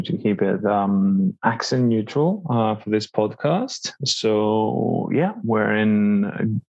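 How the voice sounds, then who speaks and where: A man from Greece co-hosting a casual podcast, talking in a halting, thoughtful way with frequent pauses mid-sentence. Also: on the low side, gravelly, a little mellow, no echo, highs cut off. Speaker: podcast co-host.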